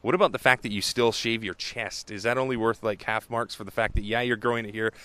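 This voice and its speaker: A man's voice: lowish voice, fairly even intonation, fast talker, bright, forceful tone. A man interviewing ballplayers, asking joking, teasing questions in a casual chat.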